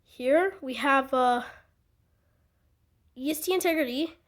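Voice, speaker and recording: A woman with a slightly raspy voice, chatting casually about her fire alarm collection and rambling with lots of fillers, recorded on a phone. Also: high voice, slow. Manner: rambling, with many fillers and restarts. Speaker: fire alarm hobby vlogger. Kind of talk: casual show-and-tell chat.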